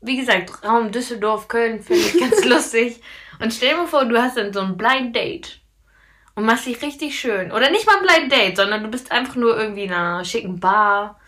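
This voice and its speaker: A woman's voice: on the high side, expressive, normal speed, bright, forceful tone. A young woman co-hosting a podcast, chatting casually and bluntly, often laughing. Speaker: podcast co-host. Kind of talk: casual chat.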